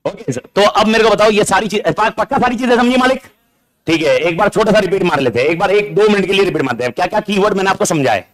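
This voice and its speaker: A high-voiced, animated male lecturer teaches for an accounting exam, speaking fast through an amplified mic in a classroom with students present, while the lesson streams online. He teases the class, repeats key words, and asks them questions.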